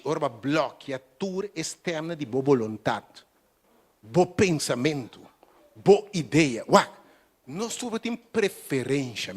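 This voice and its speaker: Impassioned preacher. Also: male voice, a little high. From Curaçao. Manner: swings between quiet talk and loud rising emphasis. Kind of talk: sermon. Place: church broadcast on radio.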